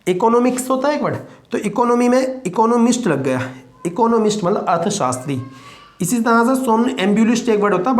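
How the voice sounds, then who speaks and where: Guy teaching vocab, keeps asking the class stuff back, echoey room. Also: high-pitched. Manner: drills students with repeated questions. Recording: roomy echo.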